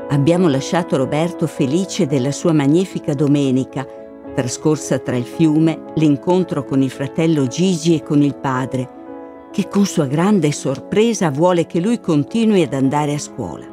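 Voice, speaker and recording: A presenter giving a calm, scripted recap to open a serialized radio story. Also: mid-range voice. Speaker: program presenter. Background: music.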